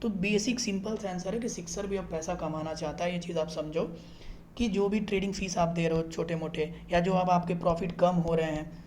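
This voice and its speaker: A man's voice: high-pitched, steady tone, moderate pace, a little mellow, a little hiss or hum. Man, app explainer host, chatty, keeps checking in, echoey room. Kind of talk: casual screen-recorded explainer.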